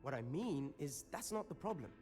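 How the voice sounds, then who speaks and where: Game casting: fretful, hesitant café owner with a slightly high voice. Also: male voice, very animated, moderate pace, music in the background. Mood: worried. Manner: worried, hesitant, earnest. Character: anxious earnest male coffee shop owner. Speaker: coffee shop owner in a video game.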